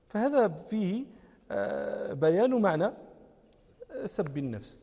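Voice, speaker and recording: A man's voice: high-pitched, sing-song, unhurried. A man giving a classroom religious lecture, explaining step by step and quizzing his students. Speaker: religious teacher. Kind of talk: classroom lecture on hadith and grammar. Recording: dull lo-fi audio in a reverberant hall.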